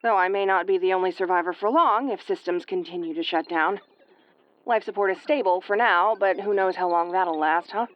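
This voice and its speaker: Fairly low-pitched and quick, close to an everyday voice, a woman plays a battered, woozy starship first officer delivering a recorded log in an audio roleplay. She sounds weary and rueful, sarcastic and exasperated in a tomboyish way, while the recording's highs are cut off.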